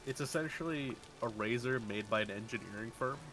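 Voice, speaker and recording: A man streaming a game and chatting casually, wry and quick to laugh. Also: mid-range voice, over music, rough recording. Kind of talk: casual gaming chat.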